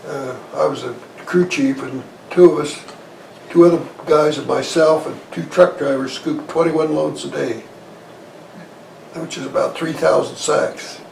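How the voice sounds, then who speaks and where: Here an octogenarian Korean War veteran talks through his memories conversationally, his speech plain, folksy and halting. The voice sits on the high side, steady, with vocal fry and a little mellowness. He's in an armchair in a small indoor living room, picked up by a shirt-clipped lavalier that sounds roomy and distant, with faint noise.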